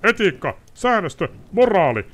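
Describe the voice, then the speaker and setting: A raging, panicky nobleman, put on by a male storyteller who shouts and pleads far above his usual pitch, loud and strained, swinging wildly in tone. It is a storybook reading, bold and theatrical. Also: big pitch swings. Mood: furious.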